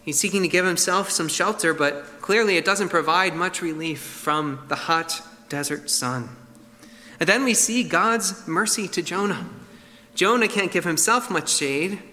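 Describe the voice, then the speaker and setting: A man's voice: a little high, unhurried, pushed and bright, big-room sound. A man preaching an expository sermon in an earnest, emphatic way.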